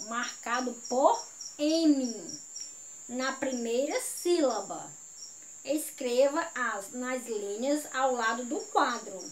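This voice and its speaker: A woman's voice: sits high, slight background noise. A woman teacher reads a textbook lesson aloud, patiently repeating each instruction. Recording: roomy echo with faint crickets.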